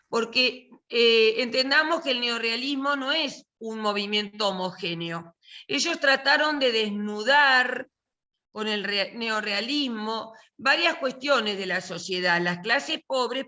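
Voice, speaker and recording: Bright-voiced older Argentine woman teaching. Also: on the high side. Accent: Argentine Spanish. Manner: chatty, joking, colloquial. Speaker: literature and film teacher. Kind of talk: casual online class talk.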